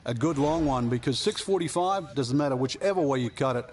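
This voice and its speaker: A man's voice: mid-range voice, lively intonation, a little fast, close to an everyday voice. A man commentating on golf as an analyst, explaining shots in a conversational way. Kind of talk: golf broadcast commentary in a video game. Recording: music and crowd noise behind. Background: music, crowd.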